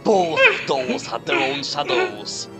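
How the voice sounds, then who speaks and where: Music plays behind this host and reader, who takes a garbled fan story slowly and turns it into a comedic dramatic reading. The voice sits at medium pitch with big swings, and the manner is theatrical and mock-outraged.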